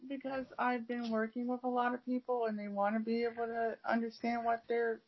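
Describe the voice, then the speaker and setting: An American English teacher chats casually, rambling with lots of fillers and restarts. Her voice is on the high side, level in tone and brisk, and the audio is dull and lo-fi.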